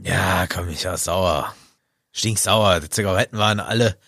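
A man's voice: low-pitched, normal speed, gravelly, a bit bright, dry recording, clean studio sound, voice pushed down, full character voice. A man voicing a sulky, defiant teenage boy who grumbles excuses, in a casual podcast retelling.

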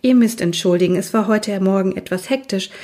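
Eccentric, playful storybook teacher, breathy and hushed in places, read by a woman. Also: mid-range voice, a little fast, natural voice. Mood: mysterious. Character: quirky cheerful adult woman teacher from Scotland.

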